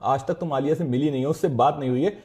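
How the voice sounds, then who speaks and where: A man's voice: mid-range voice, very fast, warm tone, slight background noise. A man playing a husband in a scripted comedy skit, getting defensive as he bickers with his wife.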